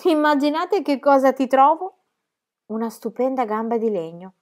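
A woman reading aloud, voicing a bold, cheerful girl who tells tall tales with lively exclamations. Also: high voice, moderate pace, voice pushed up. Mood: bold, cheery.

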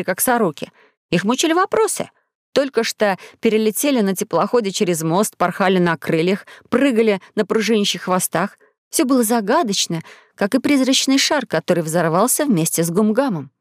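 A woman narrating a children's audiobook in a calm, even manner. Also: mid-range voice, fairly quick, dry recording, studio quality. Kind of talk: scripted narration.

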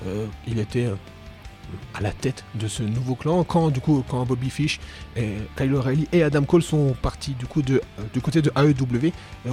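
A man's voice: medium pitch, warm tone. A man co-hosting a casual podcast chat, talking with many hesitations and fillers. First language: French. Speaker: podcast co-host.

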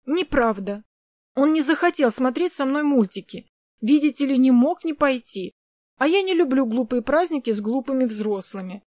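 A woman's voice: high voice, expressive, moderate pace, a little mellow, no echo. A woman doing a pouty stubborn little girl. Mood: sulky. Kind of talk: audiobook character reading.

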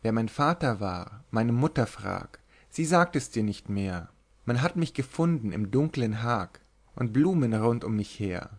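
A sharp-tongued young woman, as a male storybook reader puts her on, bold and mocking. Her retorts come teasing and quick, and at times she drifts into half-chanted rhymes. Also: mid-range voice, natural voice.

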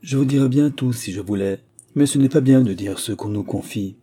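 A man's voice: mid-range voice, fairly quick, warm tone, husky, close to an everyday voice. A man voicing a sly male lackey who gossips in a knowing, teasing way in an audiobook.

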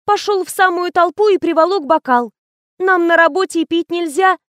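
A woman's voice: very high-pitched, moderate pace, a bit bright, no echo, studio quality, pitched above the performer's own voice. A woman reading an audiobook, voicing a silly, gushing young female PR assistant in a whiny, chattering manner.

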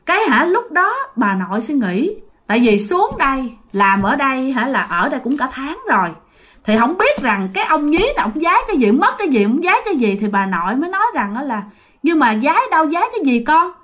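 A woman telling a ghost story casually, chatting straight to her listeners. Her voice is high and very lively, swooping up and down as she goes. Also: brisk. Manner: chatty, addresses listeners directly.

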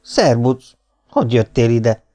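A man's voice: mid-range voice, lively intonation, dark tone, lightly acted. A man voicing a curious young boy who speaks in short, wondering questions.

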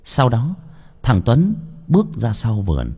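Husky male horror story narrator. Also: on the low side, normal speed. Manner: expressive, dramatic. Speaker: audiobook narrator. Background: faint background music.

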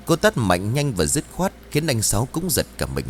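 A man narrating a ghost story in an expressive, dramatic reading style. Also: medium pitch, normal speed, slight background noise.

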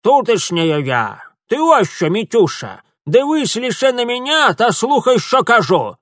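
A male narrator voicing a fierce, toothless old village woman who yells orders in a mix of Ukrainian and Russian. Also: very animated, measured pace, no room sound, studio quality, full character voice. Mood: shrill commanding. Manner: shrill yelling in mixed Ukrainian-Russian speech.

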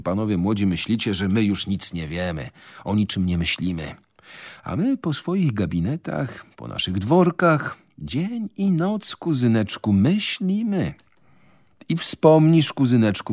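A man's voice: fairly low pitch, big pitch swings, measured pace, darkish tone, no room sound, studio quality, exaggerated voice. A man reading aloud, voicing a pompous, self-pitying older gentry father in a radio reading of a novel. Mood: sermonizing. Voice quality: pompous, declamatory.

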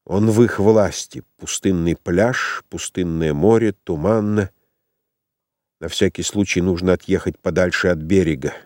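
A man with a very deep, low voice reads a literary audiobook. He is measured and unhurried. The recording is close and dry, with no room sound. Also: darkish tone, no room sound. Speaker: audiobook narrator.

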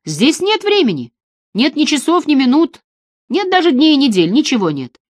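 A woman reading an audiobook, voicing a frail, frightened young woman calling out of the dark. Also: high voice, huge pitch swings, moderate pace, dry recording, studio quality, voice pushed up. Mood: plaintive.

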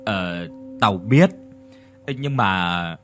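A man puts on a secretive old exorcist in a ghost story, his voice dropped low and hushed as he leans in to share a dark secret. He speaks in a grave, confiding tone, with soft music in the background. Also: animated, drawn-out words, exaggerated voice.

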